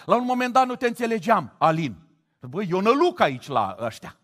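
A middle-aged man from Romania preaching a sermon, moving from quiet reflection to loud exclamations. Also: high-pitched. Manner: animated, swings from hushed to loud exclamations.

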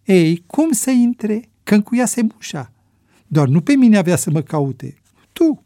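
A man's voice: sing-song, warm tone, dry recording, clean studio sound. Man doing Bebe, a nervous timid young man. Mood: fearful. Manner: anxious, raised pitch.

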